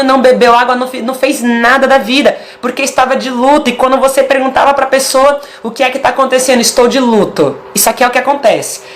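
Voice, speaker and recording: A woman with a Brazilian Portuguese accent giving a casual video sermon, emphatic and stacking short repeated phrases. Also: high voice.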